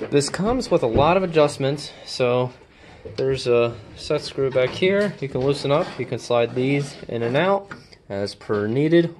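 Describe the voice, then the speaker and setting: Filming first-person on a handheld phone in an indoor room with a wooden workbench, a man unboxes a tool as a casual hands-on demonstration. His mid-range voice comes over a noisy background, and his informal talk is full of fillers and restarts.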